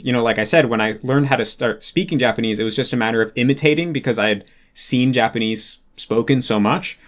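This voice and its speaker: A man in relaxed conversation, speaking at a middle pitch with an even, ordinary voice. He explains his points patiently and thinks out loud, with plenty of casual fillers along the way. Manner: thoughtful, explanatory, many "like" fillers. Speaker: interview guest, Japanese learner.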